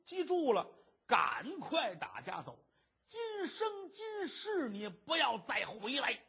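A storyteller voicing a sly, scheming man who urges and frightens, husky and lively, on a dull lo-fi recording. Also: sits high, moderate pace, pitched above the performer's own voice, full character voice. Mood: urgent. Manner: urgent, scaremongering. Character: scheming sly male instigator.

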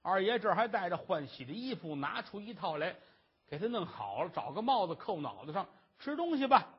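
A man performing traditional Chinese storytelling, lively and dramatic, on a dull lo-fi recording. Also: brisk, slightly rough. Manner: lively, dramatic, shifting pitch.

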